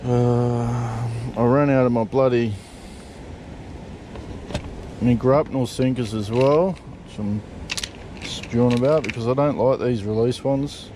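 A man's voice: medium pitch, steady tone, slow pace, pauses often, background noise. A middle-aged Australian man chatting casually while rigging fishing gear at the back of a parked vehicle, swearing in an easygoing way, recorded on a body camera. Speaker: fishing vlogger. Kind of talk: casual how-to chat. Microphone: point-of-view body camera.

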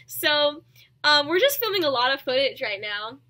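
A woman's voice: sits high, very animated, normal speed, very noisy. A young woman hosting a vlog indoors, chatting casually with a giggly, playful manner. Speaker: vlogger host. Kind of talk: casual chat. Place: indoor room.

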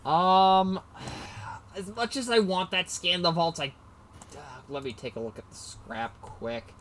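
A man's voice: high voice, measured pace, a bit bright, a little hiss or hum. A man casually narrating his moves in a card game match, rambling and self-mocking, often losing his train of thought. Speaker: card game player and commentator.

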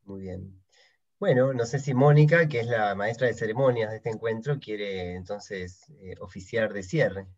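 This is an Argentine man moderating an online panel, with a lowish voice. He wraps things up in an easygoing, informal way. The call audio is dull and muffled. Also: normal speed, darkish tone. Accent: Argentine Spanish. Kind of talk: video-call panel wrap-up.

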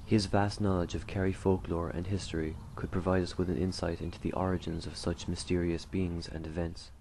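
Deep, even male narrator. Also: fairly quick, vocal fry, slight background noise. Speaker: documentary narrator. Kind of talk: scripted documentary narration. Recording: loud music under the voice. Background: plucked guitar music.

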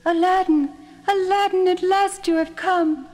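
A woman's voice: extremely high pitch, fairly even intonation, a little slow, a little mellow, pitched above the performer's own voice. A woman voicing a young princess who speaks urgently and resolutely. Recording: distant echoey hall, music behind.

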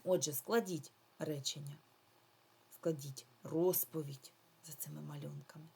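Female teacher for a recorded remote kids' lesson. Patient, draws words out, dark and slightly breathy tone. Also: low-pitched, steady tone. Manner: slow, patient, drawn-out words for children. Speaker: primary school teacher. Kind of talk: remote lesson for young children.

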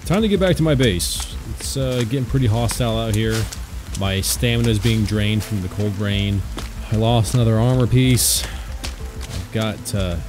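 A man hosting a gaming video, talking casually to himself and his viewers as he plays. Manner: chatty, talks to himself and the viewers while playing; gets loud and high when excited. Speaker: gaming channel host. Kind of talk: casual gameplay commentary. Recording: game music and rain sounds behind the voice.

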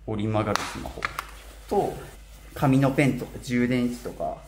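Casual male vlogger, twenties, animated intonation, slightly slurred from wearing a mouthguard-style aligner, echoey room. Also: mid-range voice, normal speed. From Kitakyushu, Japan. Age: 20s. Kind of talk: casual talk to camera. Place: small bare apartment room, indoors. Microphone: camera a short distance away. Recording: roomy echo with faint noise.

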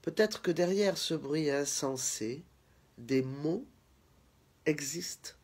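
A man voicing a cheerful laughing little male crab in a storybook, talking in an earnest, puzzled, measured way with a husky voice. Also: fairly high pitch, a little mellow, heavily acted.

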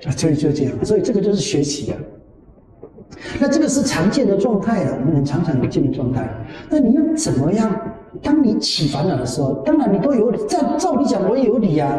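A man giving a conversational Buddhist teaching, animated and repetitive, often trailing lines with drawn-out particles. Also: high voice. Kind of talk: conversational dharma talk with personal anecdotes. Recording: echoey hall, voice from far off the mic.

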